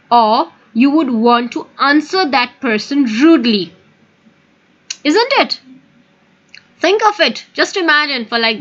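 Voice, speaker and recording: A woman with an Indian English accent teaches conversation manners in a high voice. She explains with emphasis and keeps checking in with her listeners. The recording is a little dull and lo-fi. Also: fairly bright tone. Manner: explanatory, emphatic, often addresses listeners directly. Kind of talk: spoken English lesson.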